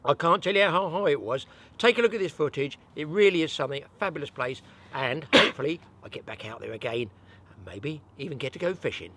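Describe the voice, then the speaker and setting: A man's voice: a little high, animated, quick pace, sharp tone, a little hiss or hum. An older British man hosting an outdoor channel, chatting casually and rambling with a self-mocking humour at a forest cabin. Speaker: channel host.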